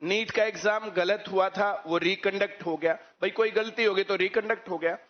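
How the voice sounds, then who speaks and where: High-voiced man lecturing. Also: fairly even intonation, normal speed. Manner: lecturing, rhetorical questions. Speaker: coaching teacher. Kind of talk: speech to students. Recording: muffled lo-fi recording.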